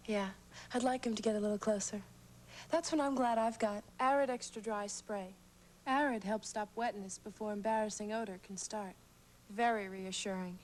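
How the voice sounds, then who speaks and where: A spokeswoman delivers a scripted TV commercial conversationally. Her voice is a touch high, and faint noise sits in the background. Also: rough recording. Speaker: product spokeswoman.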